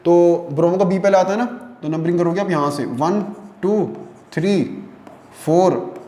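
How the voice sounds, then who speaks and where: A man's voice: high-pitched, a little slow, dark tone, echoey room. A man teaching a chemistry lesson in Hindi, explaining step by step and often checking whether students follow. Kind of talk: online lecture.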